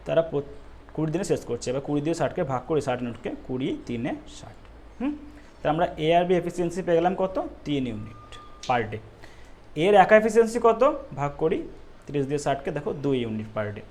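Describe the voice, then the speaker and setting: A male math teacher working through exam problems step by step, often asking the students if it is clear and telling them not to worry. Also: fairly high pitch, a little mellow. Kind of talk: exam-prep math lesson.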